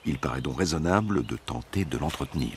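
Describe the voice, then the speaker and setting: A man narrating a nature documentary from a script, in a measured storytelling delivery. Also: extremely low pitch, lively intonation, a little hiss or hum.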